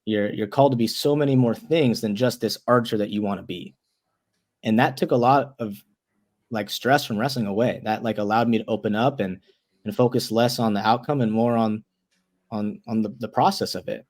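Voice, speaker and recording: A young man in his twenties, a wrestler and guest, talking earnestly in a casual interview and tripping over his words when excited. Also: on the low side, normal speed. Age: 20s.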